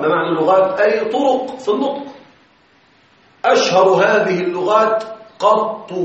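Man lecturing in a very echoey room. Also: sits high. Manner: explains step by step, often checks students follow. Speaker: Arabic grammar teacher. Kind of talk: classroom lecture. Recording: echoey, distant, slightly muffled classroom recording.

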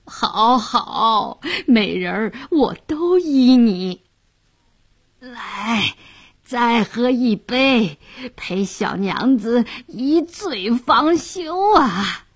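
A boozy, boastful young official who drags out every word and leers through his slurred speech, his voice rising loud and swinging wildly in pitch, as a woman storyteller puts him on. There is a husky edge to the tone. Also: expressive, heavily acted. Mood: drunk, leering. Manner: slurred, leering, drawn-out. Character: drunken lecherous young male official, boastful.

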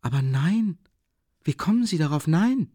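A man voicing a timid, anguished young woman who pleads in a breathy, rising voice, in a dry audiobook reading. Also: a little high, animated, moderate pace, a little mellow, no room sound, pitched above the performer's own voice, full character voice. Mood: pleading, distraught.

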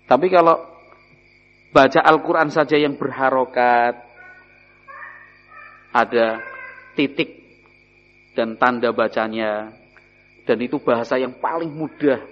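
Man teaching in a hall. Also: mid-range voice. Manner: explains Arabic terms, asks the audience questions; sprinkles in Javanese. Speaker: Islamic study teacher. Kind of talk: religious study lesson. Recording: dull recording in a hall.

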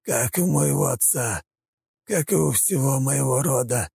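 A man's voice: medium pitch, measured pace, a little mellow, no room sound, voice pushed up, heavily acted. Man doing a wheezing tortured prince. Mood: pleading. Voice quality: wheezing, rasping. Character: broken tortured male prince, rasping.

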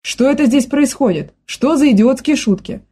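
Audiobook: a stern, commanding father, read by a woman narrator in a dark, husky voice. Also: high-pitched, animated, normal speed, voice pushed up. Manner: commanding, forceful orders. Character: stern, commanding middle-aged father, an actor.

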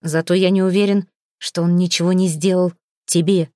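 A woman's voice: on the low side, fairly even intonation, normal speed, warm tone, no room sound, studio quality, natural voice. A woman reading the part of a jealous, hot-tempered young man, a king's heir, speaking with irritation and scorn. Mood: scornful.

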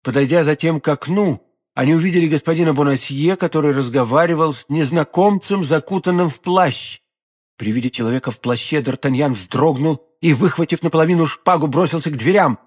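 A man narrating a classic novel in an expressive, measured literary reading. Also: on the high side. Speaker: audiobook narrator. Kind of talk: scripted narration.

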